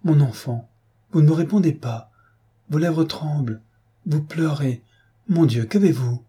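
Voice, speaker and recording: A man's voice: moderate pace, dark tone, slightly rough, lightly acted. A man doing a fussy, motherly old governess. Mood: alarmed. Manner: exclamatory, raised pitch. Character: anxious older woman governess, fussy and motherly.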